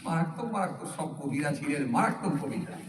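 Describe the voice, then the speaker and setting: A man's voice: lively intonation, fast talker, a little hiss or hum. A man preaching at an open-air religious gathering, telling a humorous folk story and keeping checking whether the crowd follows. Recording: booming echo through loudspeakers from far off.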